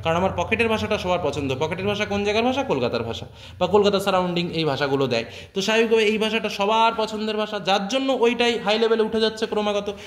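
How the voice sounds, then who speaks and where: High-voiced man teaching a literature lesson. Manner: reads quoted lines slowly, then explains in plain talk; keeps checking that students follow. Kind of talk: explaining a text to students.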